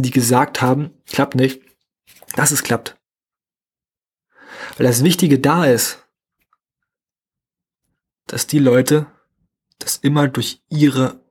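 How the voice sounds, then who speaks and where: A young man hosting a motivational solo podcast, talking fast and casually with slightly unclear, run-together speech. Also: medium pitch, slightly rough. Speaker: podcast host.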